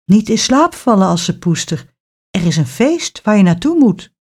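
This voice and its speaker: A kind fairy godmother, voiced by a woman, speaking in a soft, soothing and warm voice. She sounds gentle and caring, a storybook helper. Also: mid-range voice, sing-song, moderate pace, breathy edge.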